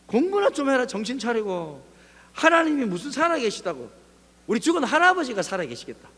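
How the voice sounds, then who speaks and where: A man's voice: very high-pitched, animated, normal speed, gravelly, bright, forceful tone, pitched above the performer's own voice, heavily acted. A man acting out a mocking teenage boy classmate who jeers with scorn. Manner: jeering, scornful. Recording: reverberant church hall.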